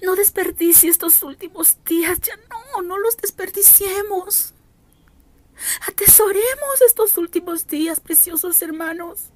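Woman preacher, high voice, dry close self-recorded audio, pleading and insistent. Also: measured pace, darkish tone, dry recording. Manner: fervent, pleading, repeats appeals. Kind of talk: recorded prophetic exhortation. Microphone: self-recorded audio message.

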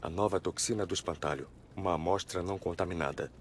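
Man acting a terse, menacing masked vigilante, low voice. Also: quick pace, crowd noise, lightly acted. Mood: grim, controlled. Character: stern masked male vigilante, menacing and controlled. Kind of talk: dubbed video game acting.

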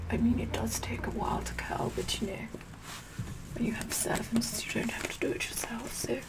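Lady playing a sassy imperious queen, breathy asmr whisper, really slow n deliberate. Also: on the high side, rough recording. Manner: slow, haughty, deliberate, repeating phrases. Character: vain, sassy, bossy Tudor queen, regal and imperious. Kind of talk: whispered ASMR makeup tutorial role-play.

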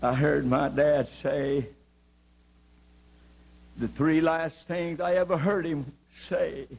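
A male evangelist giving an impassioned testimony sermon. He swings between quiet moments and shouting and draws out his phrases for emphasis. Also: on the high side, fairly even intonation, slow, vocal fry, muffled recording.

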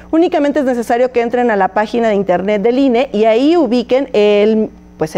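A woman in her thirties hosts a television talk show from a studio set. Her voice is fairly high but soft and mellow. She explains things in a clear, measured way and nudges her guests along with brief questions. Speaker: host.

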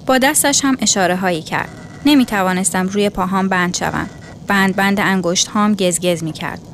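A woman's voice: medium pitch, a little hiss or hum. Woman reading a story aloud. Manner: measured, literary reading. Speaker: narrator.

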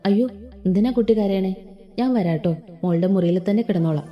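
A woman's voice: mid-range voice, fairly quick, natural voice. A woman reading a kind lonely housemaid. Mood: kindly. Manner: caring, homely. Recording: slightly dull with soft background music.

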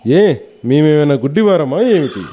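A man's voice: on the high side, animated, moderate pace, highs cut off, natural voice. Man voicing an indignant village priest. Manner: indignant shouting. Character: simple honest old Brahmin priest, quick to anger.

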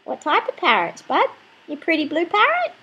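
A woman's voice: very high-pitched, huge pitch swings, normal speed, sharp tone, lo-fi sound. A woman in playful, affectionate pet talk, cooing short questions and phrases over and over. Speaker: pet owner talking to her parrot.

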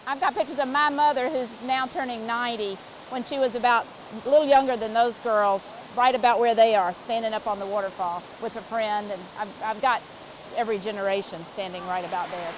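A woman chatting casually outdoors near a waterfall, reminiscing quickly. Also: fairly high pitch, fairly even intonation, poor audio. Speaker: visitor interviewed outdoors. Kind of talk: casual interview remarks. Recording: outdoor mic with loud stream noise.

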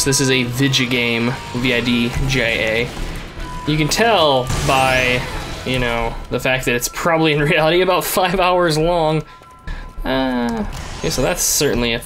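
A man's voice: fairly high pitch, fairly bright tone. Guy doing casual rambly game commentary, kinda wry, music in the background. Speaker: gamer commentator.

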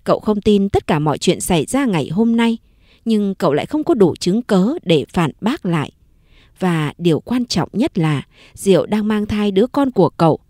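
Lively woman storyteller, dry close mic. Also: mid-range voice, normal speed, no echo. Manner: lively, acts out the characters' dialogue. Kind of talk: scripted audiobook narration.

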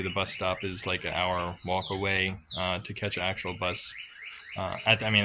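A young man vlogging on a phone held at arm's length outdoors on a farm, talking in a halting way with many filler words. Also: low-pitched. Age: young adult. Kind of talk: casual vlog. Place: outdoors on a farm, among trees and under a tin-roofed shed. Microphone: phone camera at arm's length. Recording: outdoor phone recording with loud insect noise. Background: insects and crickets outdoors.

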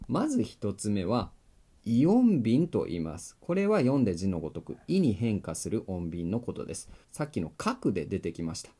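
Male video-lesson teacher, mellow low voice, friendly step-by-step explainer. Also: very animated, fairly quick, hardly any pauses, husky. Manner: friendly explaining, asks the viewer questions; writes on a board while talking.

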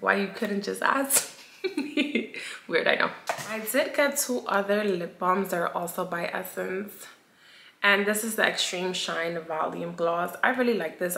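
A woman's voice: lowish voice, pushed and bright. A woman doing a casual haul video, chatty and playful, talking to her viewers as y'all. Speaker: beauty vlogger. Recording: echoey room.

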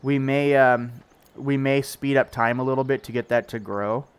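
A man's voice: mid-range voice, fairly even intonation, moderate pace, clear, resonant tone, poor audio. Stuffed-up man chatting on a game stream. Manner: rambling, with frequent fillers and restarts. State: stuffed up, morning voice. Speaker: streamer playing a farming game with friends. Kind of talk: casual live-stream chat.

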